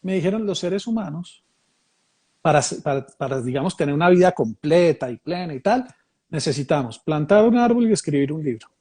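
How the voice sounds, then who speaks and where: A man's voice: on the high side, lively intonation, brisk, a little mellow, breathy edge. A man, born in Mexico and raised in Colombia, thoughtfully explaining ideas in a conversation, often rephrasing and repeating phrases. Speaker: speaker leading a reflective conversation.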